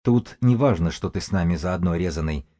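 A man voicing a small, wiry, sharp-minded male runner who argues insistently and cuttingly. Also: low voice, expressive, fairly quick. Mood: angry.

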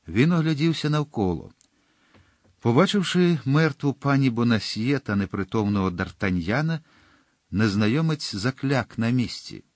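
A man reads a classic adventure story in a measured, dramatic way, at a middling pitch. The recording is dry and close, with no room sound at all. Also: no room sound. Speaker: narrator. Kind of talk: audiobook narration.

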